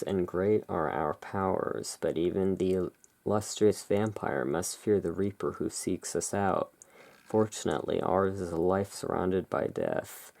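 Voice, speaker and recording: An ASMR creator reviewing a tarot deck speaks very slowly in a low, heavily fried voice during a gothic roleplay. Her hushed, slightly theatrical delivery alternates between reading cards aloud and relaxed commentary.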